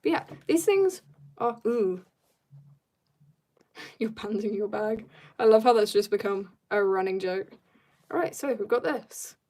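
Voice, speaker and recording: Reading viewer comments aloud and answering them, a woman draws on a casual livestream, occasionally mumbling quietly to herself as she works, and says she's tired. Her medium-pitched voice is animated, a little slow, with long pauses.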